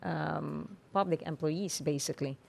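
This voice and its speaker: A woman with an Aruban accent explaining things formally and in measured, hesitant phrases as an interview guest. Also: sits low, vocal fry. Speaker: tourism authority official, interview guest.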